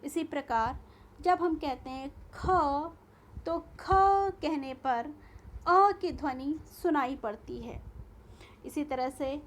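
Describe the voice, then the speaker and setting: Slow, high-voiced woman teacher. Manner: slow, careful explaining, spelling out sounds one by one. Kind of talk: recorded school lesson.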